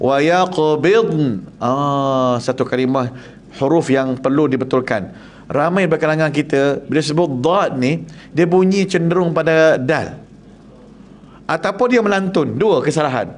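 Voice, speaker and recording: A man with a Malaysian Malay accent teaching Quran recitation to a class in a prayer hall, lively and jokey, quizzing his listeners and demonstrating Arabic sounds. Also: high voice.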